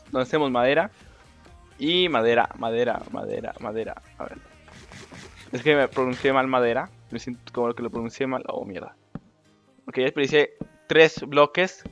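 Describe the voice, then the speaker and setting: A young man with a Mexican Spanish accent giving casual commentary over a game, excitable, swearing and talking to the other players. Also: mid-range voice. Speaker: gameplay commentator. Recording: dull lo-fi mic with faint game music.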